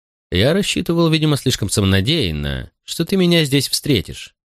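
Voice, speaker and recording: A man's voice: mid-range voice, huge pitch swings, moderate pace, no room sound, studio quality, voice pushed up. A man reading an audiobook voices a cold, domineering father who questions his son bitterly and sternly. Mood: cold, cutting. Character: cold, domineering middle-aged father, a consul. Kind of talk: audiobook character voice.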